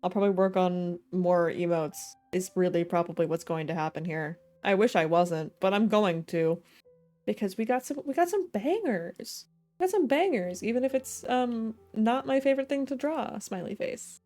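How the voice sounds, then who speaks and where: A woman's voice: lowish voice, steady tone, moderate pace, a little mellow. A young woman streaming a game, chatting casually and giggling as she talks to her chat. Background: faint game music.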